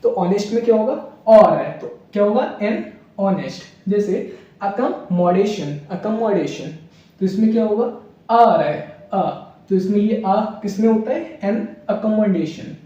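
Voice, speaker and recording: A man's voice: high voice, expressive, unhurried, mellow. A male teacher giving a grammar lesson, explaining each example through repeated questions and answers. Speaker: English teacher. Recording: echoey, distant, dull room sound.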